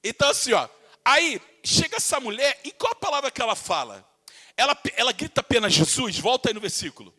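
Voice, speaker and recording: A Brazilian pastor with a high voice preaches with passion. He often speaks to his listeners as dear ones. His tone is bright and forceful. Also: very animated, fast talker, breathy edge. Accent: Brazilian Portuguese. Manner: impassioned preaching, calls listeners "querido", acts out voices from the text. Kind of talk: sermon.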